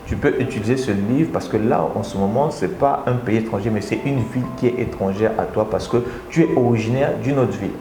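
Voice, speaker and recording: A man from the Republic of the Congo hosting a casual live stream from his office, energetic and talking straight to his viewers, often repeating his phrases. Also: fairly low pitch, brisk, hardly any pauses, roomy sound, music in the background. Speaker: live stream host and speaker.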